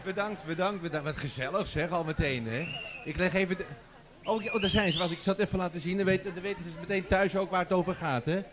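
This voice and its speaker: A man's voice: sits high, fast, noisy background. Playful man hosting a live stage show. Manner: jokey, chatty, teasing the audience. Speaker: presenter of a children's song contest. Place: large festival tent before an audience. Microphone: handheld stage microphone.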